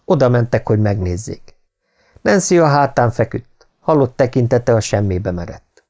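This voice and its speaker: A man narrating an audiobook thriller in a calm, measured way. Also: medium pitch.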